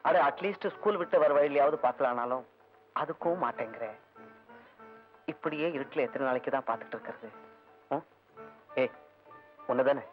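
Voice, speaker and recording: An actor playing a young man coaxing and pleading with his tearful sweetheart in a film scene. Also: close to an everyday voice. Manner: coaxing, pleading, swings high and low. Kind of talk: Tamil film dialogue. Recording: dull lo-fi film audio with music.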